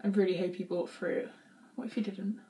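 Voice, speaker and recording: A woman's voice: mid-range voice, little pitch movement, fairly quick, dark tone. A young woman vlogging a food challenge, dramatic and giggly. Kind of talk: casual chat.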